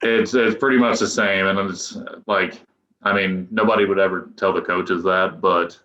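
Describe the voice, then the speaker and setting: A man in his twenties, a professional pitcher, chatting loosely as a podcast guest with restarts and chuckles. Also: steady tone, normal speed, pushed and bright. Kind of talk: casual podcast interview. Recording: echoey room, dull lo-fi sound.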